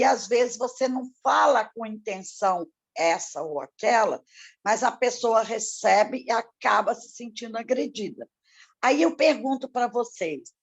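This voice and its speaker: A middle-aged woman, a former math teacher, speaking expressively in a casual study group discussion. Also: on the high side. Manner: expressive, storytelling, talks about her loud teaching voice.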